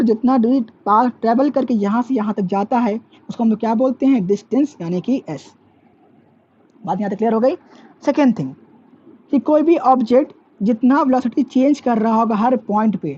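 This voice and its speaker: A woman's voice: a little high, mellow. A woman teaching physics in a classroom lecture, who asks questions and answers them herself and mixes English terms into her talk. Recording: dull lo-fi sound with faint background noise.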